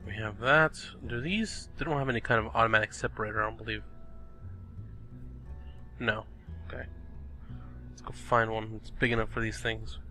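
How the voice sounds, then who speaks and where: Still a bit sniffly from being ill, this young man narrates his gameplay casually, musing aloud and reacting to what happens on screen. He speaks on the low side in a steady, pushed, bright tone at a moderate pace, pausing at length, with soft music in the background.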